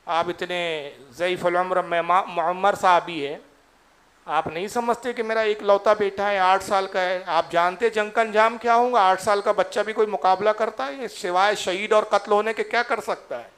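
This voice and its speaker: A man voicing a widowed mother who pleads for her only son, his voice rising to a strained high cry. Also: fairly even intonation, a bit bright. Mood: pleading.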